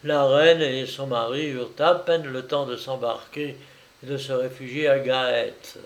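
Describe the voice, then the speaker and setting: Slow gravelly male narrator. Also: medium pitch, steady tone. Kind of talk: audiobook narration of a historical novel.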